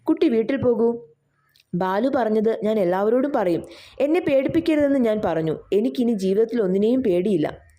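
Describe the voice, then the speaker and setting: A woman's voice: a little high, animated, moderate pace, warm tone, close to an everyday voice. A woman voicing a curt, angry grown man who is hiding out, snapping and scolding in a storybook reading.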